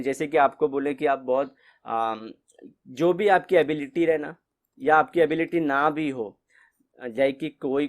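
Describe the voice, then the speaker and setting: A man teaching a class in a casual, conversational way, mixing English phrases into his explanations. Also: medium pitch. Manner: conversational, mixes English phrases, repeats ठीक है.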